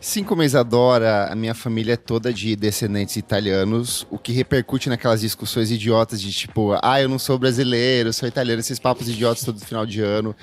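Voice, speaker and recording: A man from Brazil co-hosting a podcast, telling family stories in a casual, warm way with many restarts. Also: mid-range voice, fairly even intonation, brisk, few pauses, a little hiss or hum. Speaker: podcast co-host. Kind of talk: casual chat.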